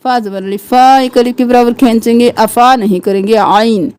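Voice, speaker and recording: A woman teaching tajweed, reciting verses in a slow, drawn-out chant and dropping lower to explain the rules quickly. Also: fairly even intonation, darkish tone, clear, resonant tone, no echo.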